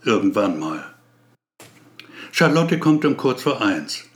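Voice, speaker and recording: A man narrating a story aloud in a measured way. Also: mid-range voice, very animated.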